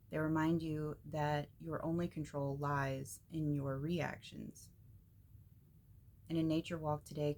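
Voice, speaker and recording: A woman hosting a spiritual message vlog, talking casually in a halting, tongue-tied way with many pauses and ums. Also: low voice, gravelly, darkish tone. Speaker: spiritual channel host.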